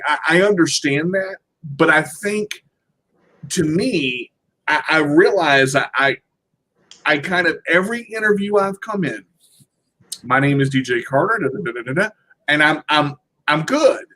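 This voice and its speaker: A man telling stories in a casual conversation, animated and often repeating his words as he gets going. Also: fairly high pitch, moderate pace. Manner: animated storyteller, repeats words when starting. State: uses a wheelchair.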